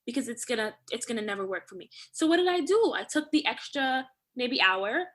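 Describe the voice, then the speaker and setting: A woman with a somewhat high voice speaks as a podcast guest. She is emphatic and animated, acting out her inner voice in quick bursts. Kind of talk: casual podcast conversation.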